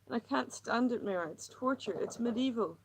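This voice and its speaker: A woman reading aloud, voicing an anxious, troubled housewife who rambles and pleads, her voice often climbing high. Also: brisk, a little hiss or hum, close to an everyday voice, poor audio. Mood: anguished.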